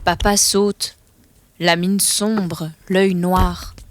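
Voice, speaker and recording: A woman reading a children's storybook aloud, softly and expressively. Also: on the low side, little pitch movement, extremely slow, a little hiss or hum.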